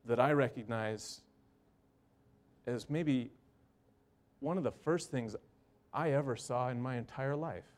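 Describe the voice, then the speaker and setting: A man who works in an emergency room gives a personal storytelling talk, earnest and halting, with short repeated phrases. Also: medium pitch. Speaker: emergency room medical worker.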